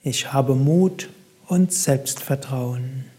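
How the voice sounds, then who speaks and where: Slow, soft-spoken male meditation guide. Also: mid-range voice, breathy edge. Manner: slow, calm, soft-spoken guidance with pauses.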